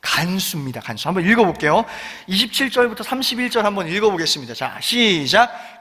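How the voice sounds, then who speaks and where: A man's voice: high-pitched, a bit bright, big-room sound. A man preaching a sermon as pastor, telling the story dramatically and asking the congregation to repeat lines after him. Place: church sanctuary.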